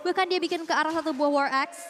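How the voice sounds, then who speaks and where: A woman's voice: sits high, steady tone, fast talker, a bit bright, slight background noise. A woman with an Indonesian accent giving live, analytical commentary on an esports match.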